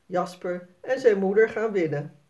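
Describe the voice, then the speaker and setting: A woman reads a children's picture book aloud at an unhurried pace. Her delivery is clear and expressive, with a lively, rising and falling melody. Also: medium pitch. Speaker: storyteller.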